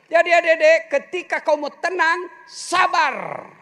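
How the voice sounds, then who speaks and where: A man's voice: very high-pitched, measured pace. A middle-aged man preaching a humorous sermon, joking and speaking straight to the congregation. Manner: animated, joking, addresses the congregation directly.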